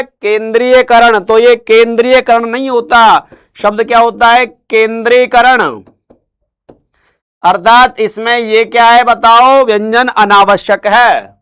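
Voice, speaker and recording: High-voiced man drilling Hindi spellings. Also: steady tone, a bit bright, clear, resonant tone. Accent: Rajasthani Hindi. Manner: drills words with repeated questions, stretches out answers slowly. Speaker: Hindi grammar teacher. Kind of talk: spelling lesson.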